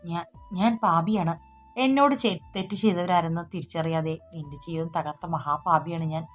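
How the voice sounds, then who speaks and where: Brief: woman reading as a remorseful older mother, broken and halting, low voice, storybook. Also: faint music behind, close to an everyday voice. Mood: sobbing remorse. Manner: broken, pleading, halting repeats. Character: distraught older woman begging forgiveness.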